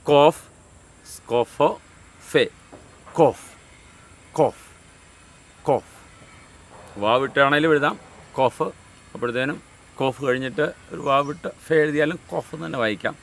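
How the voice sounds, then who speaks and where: A man teaching a language class, saying letter names slowly and repeating them over and over. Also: fairly high pitch, fairly bright tone. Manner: slow, drawn-out letter names recited over and over. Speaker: Syriac teacher. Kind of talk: language lesson.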